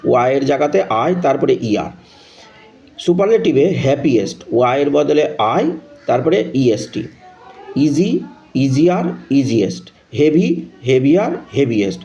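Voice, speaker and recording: A man's voice: a little high, warm tone, highs cut off. A male English grammar teacher giving an online lesson, chanting word lists and lifting his voice to announce each new rule.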